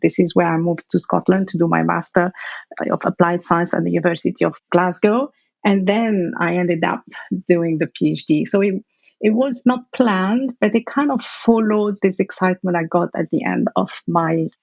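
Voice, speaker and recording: A middle-aged woman from Algeria speaks in a low, gravelly voice, answering interview questions thoughtfully and sometimes restarting a phrase mid-thought. The audio is dull and lo-fi, with a dry, close sound. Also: steady tone, moderate pace, darkish tone, dry recording. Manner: thoughtful, searching for words, restarts. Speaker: guest researcher.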